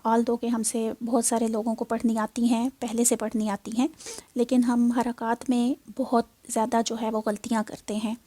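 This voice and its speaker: A woman teaching Quran recitation in a slow spoken lesson, patiently sounding out syllables and mixing in English words. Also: on the high side, mellow, no room sound.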